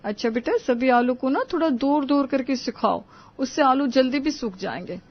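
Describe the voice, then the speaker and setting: A woman voicing a kind, motherly neighbor in a cartoon story, gentle and reassuring. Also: sits high, lively intonation, moderate pace, dull audio. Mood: kindly. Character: kindly middle-aged female neighbor, motherly.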